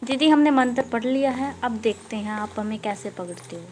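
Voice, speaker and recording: A woman's voice: a little high, expressive, moderate pace, darkish tone, slight background noise. A woman with an Indian accent hosting a horror game playthrough, chatting and teasing the ghost, with bits of English. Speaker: gaming video host. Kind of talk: playing a horror game on camera.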